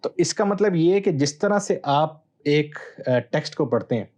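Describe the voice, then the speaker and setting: A man, a Bible scholar guest, explaining texts in a measured, teacherly way with hesitant pauses. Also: on the high side, animated, a little mellow. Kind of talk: explanatory interview answer.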